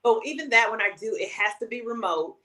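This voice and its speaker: A woman's voice: a little high, lively intonation, a crowd in the background. A woman in her late forties, a guest chatting casually and reflectively in an interview, with light laughs. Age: 40s. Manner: unhurried, reflective, with frequent restarts and light laughs.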